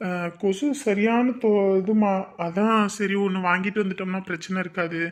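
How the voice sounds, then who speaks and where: A woman's voice: medium pitch, fairly even intonation, normal speed, voice pushed down, natural voice. A woman voicing a meek, put-upon young village husband in a comedy skit. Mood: dutiful.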